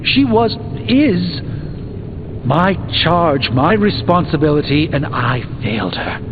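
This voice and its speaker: An actor playing an erudite, proud, guilt-burdened middle-aged sorcerer doctor in a video game, speaking formally in measured, articulate phrases. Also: male voice, a little high, very animated, lo-fi sound, noisy background, full character voice. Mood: regretful, earnest. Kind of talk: video game dialogue acting. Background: background music.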